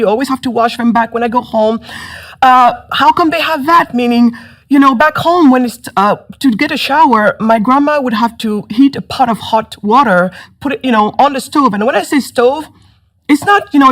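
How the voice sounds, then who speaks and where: Animated woman from Senegal telling her story. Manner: animated, rising pitch when excited. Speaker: entrepreneur guest. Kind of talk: conversational interview storytelling.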